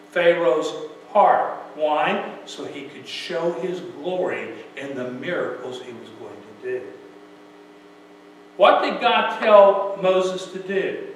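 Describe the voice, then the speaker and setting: A man preaching a sermon in a folksy, plain-spoken way, often asking rhetorical questions. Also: fairly high pitch. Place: church sanctuary. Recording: very echoey church, mic far off, faint hum.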